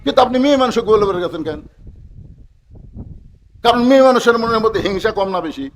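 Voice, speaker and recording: A high-pitched man delivers a sermon at a gathering. He acts out each character's lines himself and keeps calling on the crowd to answer. A faint hiss sits under the mic. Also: fairly quick. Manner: animated storytelling, acting out dialogue and calling on the crowd to answer. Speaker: preacher. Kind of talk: Bengali waz sermon.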